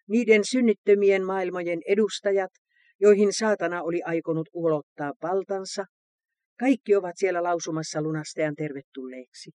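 A man giving a solemn, measured devotional reading, recorded close to the mic. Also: sits high, darkish tone, no room sound.

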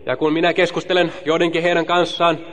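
A man interpreting a sermon phrase by phrase, in a steady relay with occasional slips and restarts. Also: fairly high pitch.

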